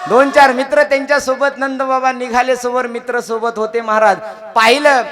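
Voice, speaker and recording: A man from Maharashtra preaching a kirtan, telling a devotional story in a lively way, talking to his listeners and calling on them to clap. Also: extremely high pitch, moderate pace. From Maharashtra, India. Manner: lively storytelling, addresses listeners, calls for clapping. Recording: clear music behind.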